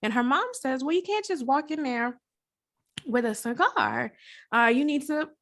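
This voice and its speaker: A woman hosting a casual podcast, talking in an animated, slangy way and laughing often. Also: sits high, moderate pace. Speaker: podcast host.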